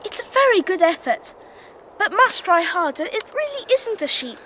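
A woman's voice: very high voice, big pitch swings, moderate pace, bright, forceful tone, slight background noise, full character voice, poor audio. A woman playing a small, innocent boy prince from another planet in a radio drama, insistent and full of questions.

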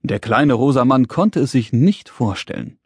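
A man narrating a children's storybook, telling the story in a lively, expressive way and speaking to young listeners. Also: medium pitch, normal speed, slightly rough, no room sound, studio quality. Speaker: audiobook narrator.

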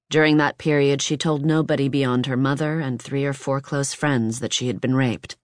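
An audiobook narrator giving a measured, even reading of nonfiction, recorded close in a booth. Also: medium pitch, no echo.

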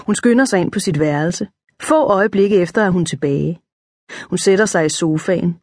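A woman's voice: on the low side, no room sound, studio quality. A woman reading a first-person children's story aloud, lifting her voice for the girls' lines. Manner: lively, lifts her voice for the girls' dialogue. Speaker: audiobook narrator.

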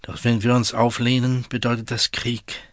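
A man voicing a respected, wise farmer who answers respectfully and in measured words in a storybook reading. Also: medium pitch, level tone, no room sound, studio quality, close to an everyday voice. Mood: earnest. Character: respected wise male farmer, humble, cautious.

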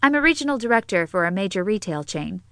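A woman's voice: medium pitch, very animated, fast talker, pushed and bright, clear, resonant tone, no echo. A woman voicing a composed middle-aged businesswoman who speaks poised and a little guarded.

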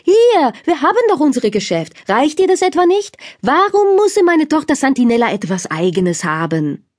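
A woman voicing a hot-tempered older Italian father who owns a restaurant, speaking broken German with an Italian accent and loud outbursts. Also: medium pitch, big pitch swings, normal speed, gravelly, husky, heavily acted. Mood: scornful.

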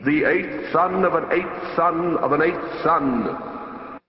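A solemn, literal-minded Death for a fantasy audiobook. He speaks slowly and with deadpan weight, his implacable voice ringing in a long, hollow reverb with a slightly muffled top. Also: on the high side, pitched above the performer's own voice. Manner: deadpan, unhelpful, slow and weighty. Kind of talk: audiobook character voice.

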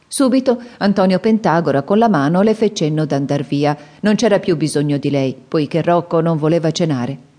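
Low-voiced woman narrating an audiobook. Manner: measured, even storytelling. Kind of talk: scripted narration.

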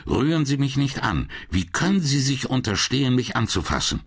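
A male narrator voicing a young woman in an audiobook, her voice pitched up with a sharp, indignant edge. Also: very animated, moderate pace, creaky, slightly rough, full character voice. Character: young woman, frightened and fiery.

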